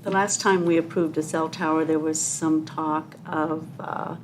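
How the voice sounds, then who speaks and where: A woman's voice: deep voice, fairly even intonation, a little slow, noisy background. A woman on a city council, asking a speaker direct questions with a slight stammer. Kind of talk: questioning at a public hearing.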